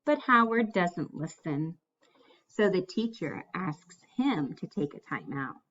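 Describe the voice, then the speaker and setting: A woman reads a children's picture book aloud, taking an expressive and deliberate storytelling approach. Her voice sits on the low side, and the recording's high frequencies are cut off.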